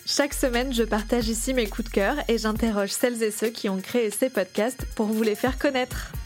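A woman's voice: on the high side, moderate pace, faint music behind. A woman journalist hosting a podcast, reading scripted narration.

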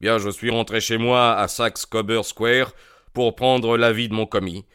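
A man's voice: fairly low pitch, steady tone, a little slow, fairly bright tone, clean tone. A man voicing a bewildered, aggrieved middle-aged client in an audiobook, earnest and plain. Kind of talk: audiobook character voice.

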